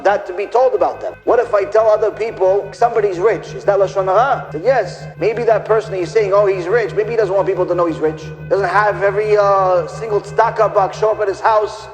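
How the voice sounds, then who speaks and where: A man's voice: high-pitched, a little fast, hardly any pauses. A man giving an emphatic religious lecture as a rabbi, acting out quoted people in short scenes. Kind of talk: religious lecture on punishment after death. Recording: long reverb with faint music behind.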